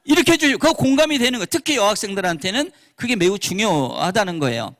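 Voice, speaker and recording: Middle-aged male pastor lecturing teachers, high lively voice, acts out bits of dialogue. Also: quick pace. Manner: animated, acts out quoted dialogue. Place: church hall.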